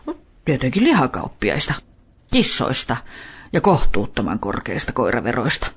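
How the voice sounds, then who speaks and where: A touchy old talking dog from a storybook, grumbling out dry complaints in a husky, airy voice, as a man reads him. The tone stays close to a plain reading voice at an ordinary pitch. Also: huge pitch swings, exaggerated voice.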